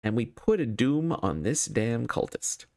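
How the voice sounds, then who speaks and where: A man's voice: medium pitch, big pitch swings, unhurried, a little mellow. A man thinking aloud as he hosts a solo card game playthrough, casual and wryly self-deprecating.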